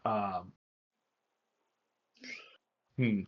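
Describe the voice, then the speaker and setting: A man's voice: on the low side, drawn-out words. A man playing a tabletop game, hesitant with many fillers, over dull lo-fi online audio. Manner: hesitant, animated. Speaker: player.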